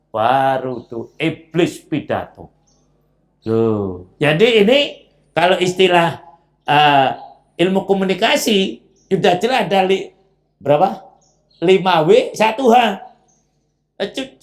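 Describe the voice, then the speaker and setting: A Javanese-accented man preaching a dawn Quran study, who keeps putting questions to the audience and drops into Javanese phrases. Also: sits high.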